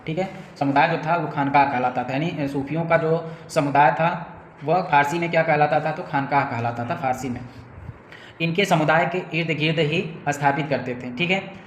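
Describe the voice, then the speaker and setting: Higher-pitched man teaching in an echoey room. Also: slight background noise. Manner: asks questions then answers them himself; repeats points with frequent "theek hai" checks. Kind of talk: classroom-style history lecture.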